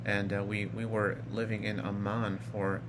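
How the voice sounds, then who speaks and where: A man's voice: on the low side, little pitch movement, moderate pace, background noise. A man in his thirties from Iraq, casually telling his personal story in a rambling way, full of fillers and restarts. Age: 30s. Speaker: vlogger.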